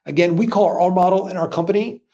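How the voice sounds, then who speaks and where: A sales trainer leads a live webinar on handling objections, speaking in an energetic, conversational way and acting out customer dialogue. His voice is high and quick. It comes through a video call with the highs cut off.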